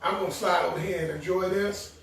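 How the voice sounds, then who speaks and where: An exuberant man guest tasting food and praising it loudly in a kitchen. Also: high voice, steady tone, brisk, creaky. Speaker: guest taster. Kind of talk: casual chat. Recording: echoey room from a distance.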